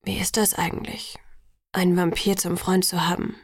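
A woman voicing a curious, teasing teenage boy in an audiobook, speaking low and quiet and often dropping to a whisper. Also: little pitch movement, moderate pace, vocal fry, breathy edge, no room sound, clean studio sound. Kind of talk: audiobook character voice.

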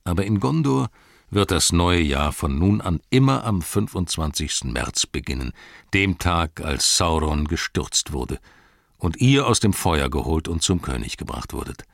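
A wise old wizard, voiced by a male audiobook reader, speaking low and unhurried in a soft, measured tone. His voice is very deep and gravelly, with a husky grain. The recording is close and dry. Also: dry recording, exaggerated voice. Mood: calm. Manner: calm, measured, soft-spoken.

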